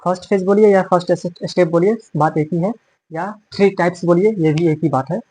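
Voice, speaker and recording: Husky-voiced male biology teacher. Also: sits high, a little fast, dark tone, poor audio. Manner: repeats and corrects terms while explaining; mixes English terms into Hindi. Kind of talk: explanatory classroom lecture.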